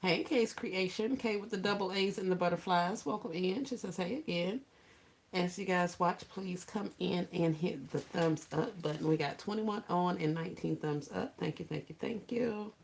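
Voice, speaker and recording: A woman's voice: fairly low pitch, normal speed, gravelly, a little hiss or hum. A woman hosting a casual livestream, greeting viewers by name, laughing often and teasing playfully. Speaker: livestream host.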